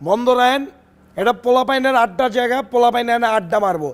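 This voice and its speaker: An actor playing a cocky, hotheaded young bodybuilder, swaggering and threatening. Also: male voice, very high-pitched, quick pace.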